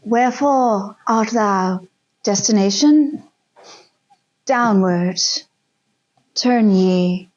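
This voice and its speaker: Teacher doing mock-Shakespeare improv; a woman, very slow and grand. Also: mid-range voice, darkish tone, dull audio. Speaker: teacher, game contestant. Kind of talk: improv comedy.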